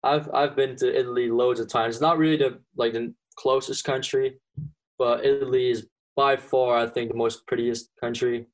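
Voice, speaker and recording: In a rough recording, a young Belgian man answers questions as an interviewed golfer, using a mid-range voice at moderate speed. His first language is Dutch (Flemish), and his casual replies are peppered with ums and restarts.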